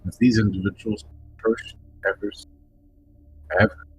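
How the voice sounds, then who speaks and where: A man running a tabletop game as game master, narrating slowly in halting bursts while his audio cuts in and out over a bad connection. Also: fairly low pitch, little pitch movement, slightly rough, faint music behind, poor audio. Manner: halting, slow scene-setting with long pauses. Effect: bad connection, audio cutting in and out. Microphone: headset or desk mic on a voice call.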